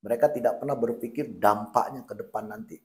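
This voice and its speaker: A man interviewed as an official, explaining matters in a measured, conversational way. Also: medium pitch, fairly even intonation.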